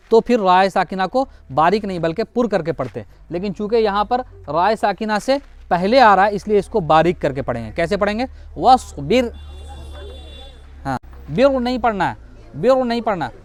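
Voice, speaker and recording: Male recitation teacher with a smooth, clear voice, drilling syllables slowly and correcting as he goes. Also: high voice, expressive, no room sound. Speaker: Quran reading teacher. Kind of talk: recitation lesson.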